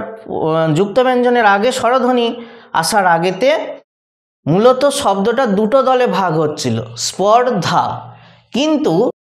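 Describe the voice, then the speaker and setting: A male teacher giving a grammar lesson, patiently repeating examples and asking rhetorical questions. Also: high-pitched. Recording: echoey room.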